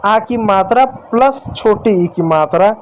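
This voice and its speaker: A man's voice: high voice, lively intonation, measured pace, a little hiss or hum, rough recording. A man teaching a lesson at a board, repeating each point and quizzing his students with questions. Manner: addresses listeners as dear children and friends.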